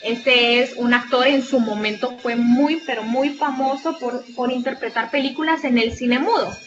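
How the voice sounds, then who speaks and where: A woman's voice: fairly high pitch, moderate pace, dull audio. Salvadoran woman tutoring over a video call. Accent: Salvadoran Spanish. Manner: explanatory, asks rhetorical questions, many "este" fillers. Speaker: online tutor. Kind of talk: online class lecture.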